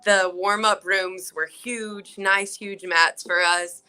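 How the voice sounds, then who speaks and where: A woman's voice: medium pitch, steady tone, takes it slowly, pushed and bright, smooth. A young woman from South Carolina, a fighter, chatting upbeat and casual as an interview guest over a video call.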